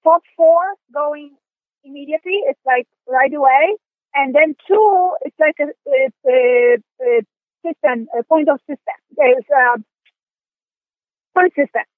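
A woman from Poland with a Polish accent, answering interview questions in a high voice. She talks in halting bursts, full of restarts and fillers. She sounds dry and tinny, as if over a phone line. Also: dry recording. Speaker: guest, dog sport competitor. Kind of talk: interview conversation.

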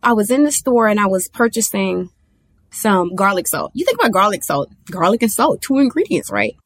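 A woman's voice: mid-range voice, sing-song, normal speed. A woman delivers a motivational talk in a casual, colloquial way, hammering her points with emphatic repetition. She acts out her own past thoughts as she goes. The sound is dry and close, with no room echo. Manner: colloquial and conversational, addressing listeners directly. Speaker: motivational speaker on diet and sugar.

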